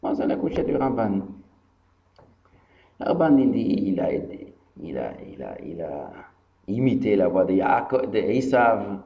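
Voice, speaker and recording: Rabbi. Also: male voice, on the low side, measured pace, reverberant. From Tunisia. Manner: animated storyteller who acts out dialogue and repeats key phrases. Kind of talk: Torah lesson with storytelling. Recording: dull lo-fi archive recording with faint hum.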